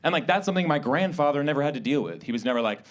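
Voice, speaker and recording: A young man from suburban New York doing a stand-up set on a theater stage, animated and breaking into high-pitched character voices. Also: racing. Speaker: stand-up comedian.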